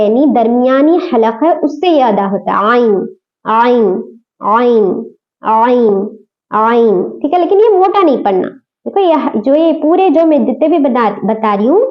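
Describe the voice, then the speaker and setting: A woman teaching letter pronunciation, patiently repeating each sound many times for practice. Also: sits high. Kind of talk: pronunciation lesson. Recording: dull lo-fi recording.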